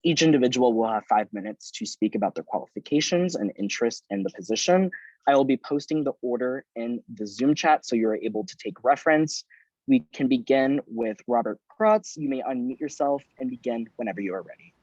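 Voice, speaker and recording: A man runs a formal meeting over a video call, reading out votes and agenda items in a measured, procedural way. The audio is dry and a little muffled, with the dull sound of a video call. His pitch sits in the ordinary middle range. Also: darkish tone, no room sound. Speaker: meeting chair.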